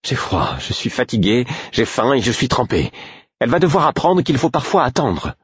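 A man voicing an exhausted, exasperated young mother in an audiobook, raising his voice into shrill outbursts. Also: big pitch swings, moderate pace, slightly rough.

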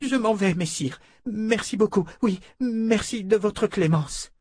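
A man voicing a terrified, sobbing noblewoman who pleads in a high, trembling voice, in an audiobook. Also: slow pace, a little mellow, breathy edge, no echo, heavily acted. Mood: pleading. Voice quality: tearful, trembling, high falsetto. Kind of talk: audiobook character voice.

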